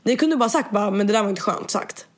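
A young woman with a speech impediment, casually retelling an event and acting out what everyone said. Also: mid-range voice. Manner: animated, quotes others with "jag bara", swears freely. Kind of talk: casual storytelling chat.

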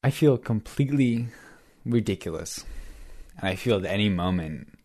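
Young man with a low voice, candid and self-mocking. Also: lively intonation, normal speed, a little mellow. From United States. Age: young adult. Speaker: interviewee. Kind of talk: casual interview.

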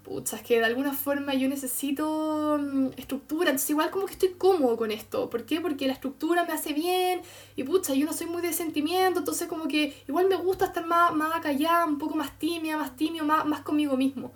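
A woman voicing a shy, order-loving personified Virgo moon in a timid, hushed way. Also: high voice, fairly quick, natural voice.

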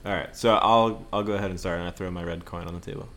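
Brief: deep-voiced male gamer, relaxed, thinks out loud. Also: fast talker. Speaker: player. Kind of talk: casual tabletop play.

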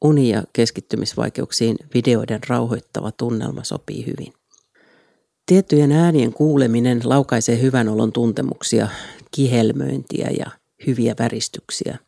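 A man hosting his own podcast, reading a scripted solo episode in a calm, even way from a small home studio. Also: medium pitch, vocal fry, no room sound. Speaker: podcast host.

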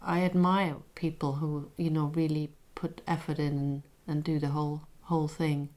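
A woman's voice: deep voice, little pitch movement, normal speed, darkish tone. A woman chatting casually in a hesitant, understated way, often trailing off. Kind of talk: casual chat.

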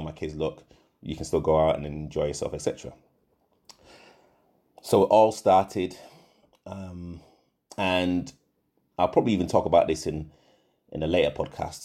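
A middle-aged man with a rumbling low, dark voice and a Yorkshire accent hosts a casual solo podcast in England. His talk rambles, full of fillers and self-corrections.

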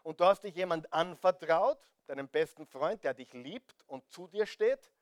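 A man with a high voice and an Austrian accent delivers a sermon, urging his listeners to listen again and again. He asks rhetorical questions and swings from loud to nearly hushed, on a dry, close sound. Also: lively intonation, moderate pace, dry recording. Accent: Austrian German. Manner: direct, pleading, repeats appeals to listen. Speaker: preacher.

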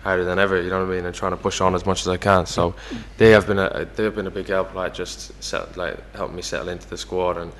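A man's voice: low-pitched, little pitch movement, fast, few pauses, fairly bright tone, long reverb tail. A young Irish man talking casually as the guest in an interview, full of fillers like "you know". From Ireland. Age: young adult. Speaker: footballer guest.

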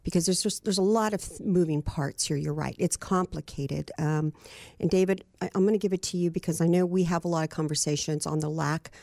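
A woman's voice: fairly low pitch, brisk, vocal fry, a little mellow, no room sound. A woman hosting a talk radio show in a conversational style.

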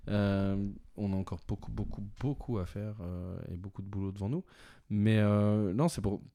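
A man's voice: on the low side, fairly even intonation, moderate pace, dark tone. A man being interviewed as a brand executive, answering in a hesitant way with many restarts. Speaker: executive director of a watch brand, guest.

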